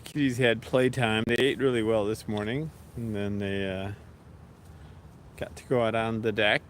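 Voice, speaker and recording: A man chatting casually with viewers on a livestream, relaxed and rambling, talking to his pets now and then. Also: on the low side, normal speed, a little hiss or hum.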